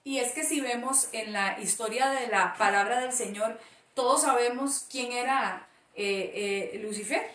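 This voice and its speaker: A woman speaks reflectively in a church talk, often pausing on hesitant fillers. Her voice is high. The audio is echoey and comes from a mic set far off. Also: fairly bright tone. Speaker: co-host. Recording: roomy audio from a distant mic.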